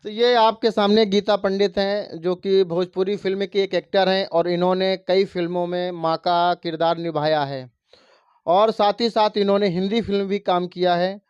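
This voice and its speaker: A man's voice: high voice, fairly even intonation, normal speed, darkish tone, clean tone, no room sound. A man working as a news reporter, formally introducing a guest and asking questions. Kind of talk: news interview. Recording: slightly muffled, dry recording.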